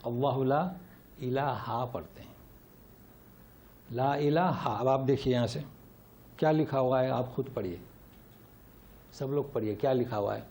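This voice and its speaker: A middle-aged man giving a Quran commentary lesson, animated, rising and dropping sharply for emphasis, reciting Arabic slowly. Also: mid-range voice, creaky. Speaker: Quran teacher. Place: lecture hall.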